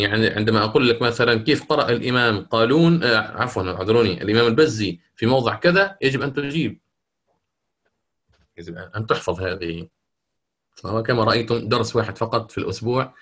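A man teaching a class on Quran recitation, explaining readings step by step, pausing to check understanding and correcting his own slips. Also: lowish voice, fairly bright tone. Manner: explanatory, often asks "okay?" and corrects himself. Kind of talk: online lesson with students.

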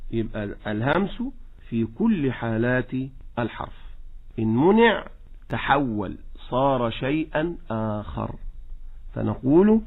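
A man with an Egyptian accent teaching Quran recitation in a radio lesson, slowly demonstrating each example. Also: medium pitch. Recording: tinny phone-like radio line.

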